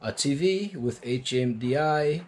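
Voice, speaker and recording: With a mid-range, darkish voice and lively intonation, the catamaran's owner leads a walkthrough on board, from deck to cabin, captured on a handheld action camera. He has a Brazilian Portuguese accent and speaks English as a second language, going slowly and haltingly while proudly presenting each item and naming its features.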